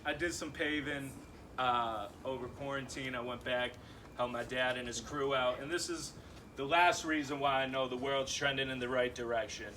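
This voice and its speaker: A man's voice: mid-range voice, fairly even intonation, moderate pace, bright, forceful tone, far from the mic. A young man doing a loose stand-up set, swearing and laughing through his punchlines, on a handheld stage mic. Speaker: stand-up comedian. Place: comedy club stage with live audience. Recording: live room noise clearly audible.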